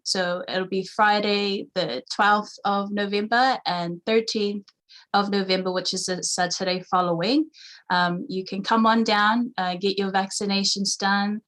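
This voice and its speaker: A woman's voice: medium pitch, fairly bright tone. A young woman from Fiji, a registered nurse guest answering interview questions in a friendly, hesitant way with many fillers.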